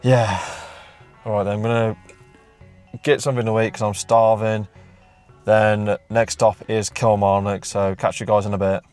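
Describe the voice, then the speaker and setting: A man's voice: on the low side, level tone, normal speed, a little mellow, smooth, soft background music. A young man chatting casually on a travel vlog, tired from a long drive. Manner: chatty, tired, self-deprecating. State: worn out from driving. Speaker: game collecting vlogger.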